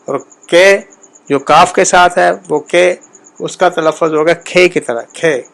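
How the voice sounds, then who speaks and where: Slow, careful man teaching pronunciation. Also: on the high side, steady tone, vocal fry, a bit bright. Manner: measured, explains slowly with repetitions and pauses. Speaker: language teacher. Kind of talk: spoken lesson on pronunciation.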